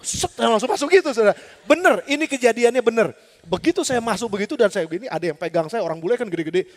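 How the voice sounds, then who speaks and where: Animated, fast-talking male pastor, echoing hall. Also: high-pitched. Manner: lively storytelling with rhetorical questions. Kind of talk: sermon. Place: large church hall.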